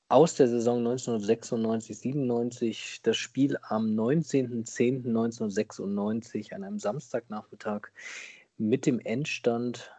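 A man speaking as a podcast guest, casually recounting things in a deliberate, somewhat hesitant way. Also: medium pitch, warm tone, no room sound. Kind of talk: casual recounting of a football match.

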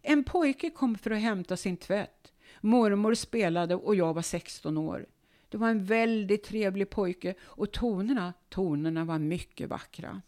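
A woman's voice: medium pitch, darkish tone, close to an everyday voice. A woman putting on the voice of her elderly mother, who talks eagerly about her girlhood. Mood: wistful.

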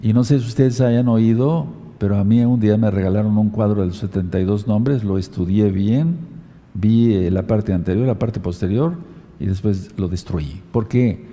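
Man, preacher, sermon, deep-ish voice, spells words out slowly, long hall reverb. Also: warm tone. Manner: dictates letters and verses slowly to listeners.

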